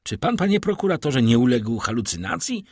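A man's voice: mid-range voice, big pitch swings, moderate pace, husky, no echo, clean studio sound. A man reading an audiobook, voicing a stern male court president who questions insistently.

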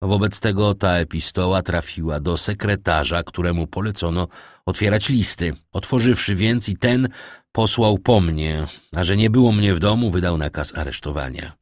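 A man voicing a courteous, self-assured young royal prosecutor in an audiobook, polite and measured. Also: low voice, dry recording, studio quality, lightly acted.

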